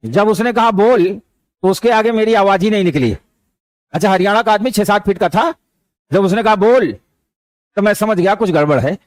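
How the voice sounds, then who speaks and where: A man's voice: high-pitched, animated, fast talker, dry recording. A man teaching a motivational lesson, speaking conversationally and weaving in anecdotes and stray English words. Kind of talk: motivational lecture with storytelling.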